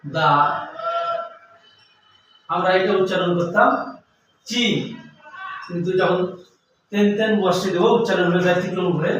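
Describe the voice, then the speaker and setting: A man with a Bangladeshi accent, teaching a language lesson and saying each syllable slowly, one at a time. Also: high voice, steady tone, lo-fi sound. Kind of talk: slow classroom lesson. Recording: echoey room, mic far off, faint noise.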